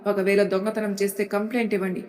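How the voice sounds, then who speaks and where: A woman's voice: medium pitch, flat delivery, fast talker, darkish tone, close to an everyday voice. A woman voicing an angry, protective young man in an audio story, confronting a family with indignant questions. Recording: long hall reverb.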